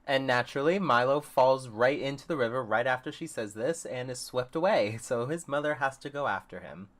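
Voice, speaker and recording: A woman's voice: a bass voice, brisk. A woman hosting a livestream, giving sarcastic, dry running commentary on a movie. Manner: sarcastic, dry, incredulous asides. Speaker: livestream host reviewing a movie.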